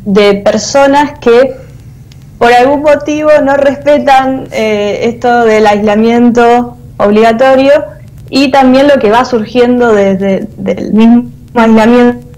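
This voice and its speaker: A theatre artist and teacher with an Argentine accent, in her thirties, answers conversationally as an interview guest, speaking slowly and steadily. Through her earphone mic on the video call the audio is poor, and her fairly high voice has a darkish tone.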